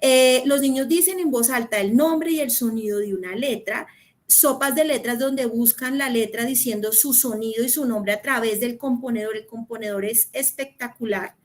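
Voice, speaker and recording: A woman's voice: on the high side, normal speed. A woman from Colombia with a Colombian accent, giving an earnest teacher training talk and addressing teachers directly.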